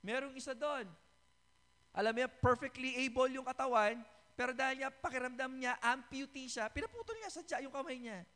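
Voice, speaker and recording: Pastor guy preaching in a church, highish clear voice, lots of "okay?" to the crowd, long echo. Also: brisk, sharp tone. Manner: switches between Tagalog and English, keeps checking in with the congregation. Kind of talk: sermon. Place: church sanctuary. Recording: reverberant church hall.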